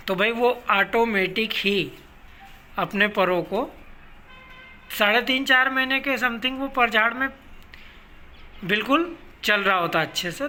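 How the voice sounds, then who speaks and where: A man's voice: very high-pitched, sharp tone. A man, a pigeon keeper, gives practical step-by-step advice in a casual instructional talk, often addressing listeners as brothers. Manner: practical, repeats "bhai", explains step by step.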